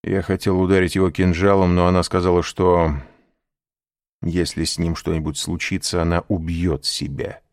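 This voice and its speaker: A man's voice: deep voice, level tone, moderate pace, no echo, studio quality. A man voicing a pale, trembling, lovesick young man who speaks in a despairing, grim way.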